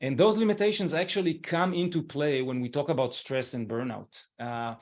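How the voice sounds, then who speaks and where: A man in his forties from Israel hosting an online webinar, speaking gently and encouragingly with frequent fillers over a video call. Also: on the high side, moderate pace. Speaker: webinar host.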